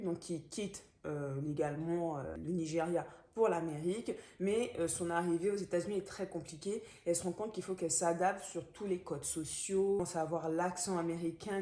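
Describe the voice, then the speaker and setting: A woman's voice: lowish voice, dark tone, echoey room. A young woman from Gabon with a Gabonese French accent, talking casually through a book review with many fillers and restarts.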